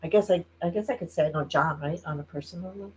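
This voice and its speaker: A woman's voice: on the low side, fast talker, slightly rough, rough recording. A woman from Indiana co-hosting a live stream, chatting casually, laughing often and reading viewer comments aloud. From Indiana, United States.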